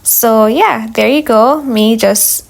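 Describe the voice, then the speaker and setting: A woman's voice: on the high side, slow, creaky. A woman with a Jamaican accent giving a chatty, instructional voice-over as a home cook talking to her viewers. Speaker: home cook, video host. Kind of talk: casual cooking voice-over.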